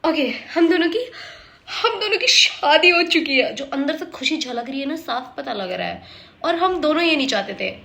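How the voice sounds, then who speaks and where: A woman giving a casual, animated drama review, often switching into English and teasing the characters as if talking straight to them. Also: sits high.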